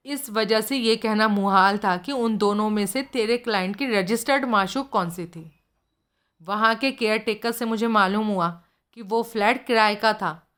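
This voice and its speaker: A woman's voice: medium pitch, a bit bright, natural voice. A woman voicing a blunt, streetwise middle-aged male informant who tells gossip in slangy speech.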